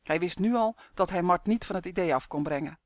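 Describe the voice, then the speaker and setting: Brief: calm storybook narrator, mid pitch, even and measured, dry close recording. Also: no room sound. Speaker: audiobook narrator. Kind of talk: scripted audiobook narration.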